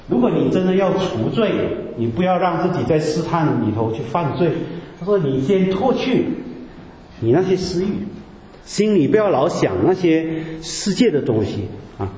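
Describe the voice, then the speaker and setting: A man's voice: on the high side, mellow. A man preaching a sermon in a conversational way, explaining scripture and asking his listeners rhetorical questions. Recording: echoey hall with long reverb, faint background noise.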